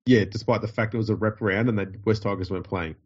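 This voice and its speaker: Nasal, low-voiced Australian man with a runny nose. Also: steady tone, fast talker, breathy edge, dull audio. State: getting over covid with a runny nose. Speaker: podcast host. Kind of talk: casual banter on a rugby league podcast.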